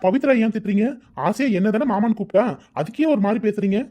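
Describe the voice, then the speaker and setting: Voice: medium pitch, fast talker, mellow, lightly acted. A performer voicing a defiant young man in a cartoon, arguing back at his aunt. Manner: protesting, argumentative. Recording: dull lo-fi audio with faint music.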